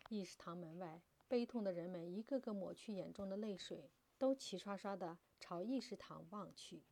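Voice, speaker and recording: A woman narrating a historical story in an expressive, dramatic reading. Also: on the low side, slight background noise.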